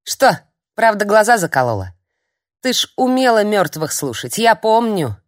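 Woman putting on an old crone, shrill, scolding, high and loud, swooping, dry close sound. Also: very animated, no room sound, lightly acted. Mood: scornful. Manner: shrill, scolding, drawn-out jeers. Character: cantankerous old female hag, half-blind, scolding.

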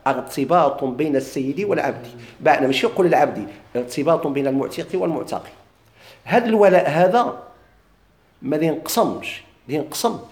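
Man teaching a lesson, Moroccan Arabic accent, warm slightly high voice, echoey classroom. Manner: repeats key terms, quizzes students. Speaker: teacher of Islamic inheritance law. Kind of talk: classroom lecture, questions and answers.

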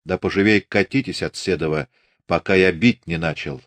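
A man voicing a self-assured young Cossack officer who speaks in a steady, clipped, threatening way, in an audiobook. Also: medium pitch, normal speed, pitched above the performer's own voice, lightly acted. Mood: cold menace.

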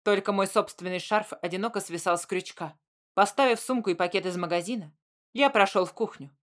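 A woman reading a novel aloud in a measured, even storytelling manner. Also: medium pitch. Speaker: audiobook narrator. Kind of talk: scripted narration.

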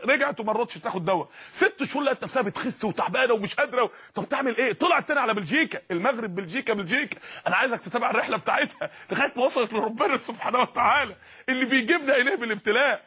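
A man's voice: very high-pitched, slightly rough, highs cut off. A man with an Egyptian accent preaching a sermon, telling stories with passion and many repetitions. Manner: impassioned, rapid storytelling with repetitions.

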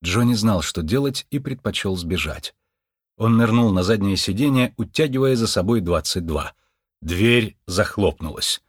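A man narrating a children's story audiobook in a lively, expressive way. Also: on the low side, normal speed, no echo, clean studio sound. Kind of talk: scripted narration.

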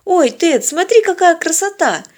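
A woman reading an audiobook and voicing an earnest young female zoologist who speaks high and pleading. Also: moderate pace, a bit bright. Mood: delighted.

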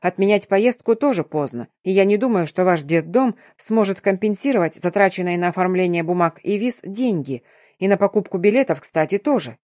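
A woman's voice: mid-range voice, expressive, brisk, warm tone, dry recording, studio quality, close to an everyday voice. Woman reading a stern, mocking male curator. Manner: curt, commanding, mocking. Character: stern adult male curator, domineering and sly. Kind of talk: audiobook narration.

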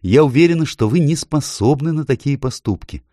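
A man's voice: medium pitch, animated, fairly quick, warm tone, no room sound, studio quality, voice pushed up, close to an everyday voice. A man voicing a kind, anxious young girl in a storybook reading, pleading and asking urgent questions.

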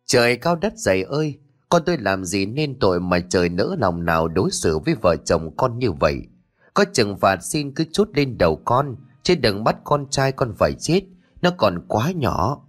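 A heartbroken young mother cries out to the heavens and begs her child to wake, played by a man narrating the tale. Her voice is low for a woman and swings widely as she pleads. Soft music lies underneath. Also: very animated, normal speed. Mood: pleading grief. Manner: pleading, sobbing. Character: grief-stricken young mother wailing over her son.

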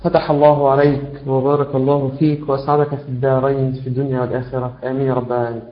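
A man's voice: medium pitch, flat delivery. Patient man coaching recitation, roomy lo-fi sound. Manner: patient and encouraging, many drawn-out hesitations. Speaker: Quran recitation teacher. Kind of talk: instructional feedback on recitation.

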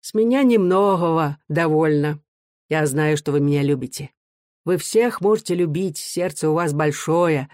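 Hearty young revolutionary in an audiobook, read by the narrator, lively and warm, dry sound. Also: medium pitch, normal speed, no echo, lightly acted. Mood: gentle.

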